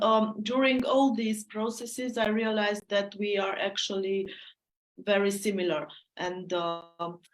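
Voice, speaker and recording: This is a woman answering on a panel in English. Her voice sits in a mid pitch. She speaks hesitantly and often repeats herself. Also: poor audio. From Romania. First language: Romanian. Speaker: playwright.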